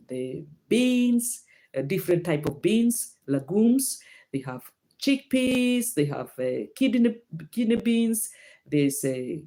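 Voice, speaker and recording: Medium in pitch with a dark tone, this livestream host from Kenya talks about health in a relaxed way and answers comments from viewers. Her Kenyan-accented speech is full of fillers and restarts, streamed from a phone or laptop.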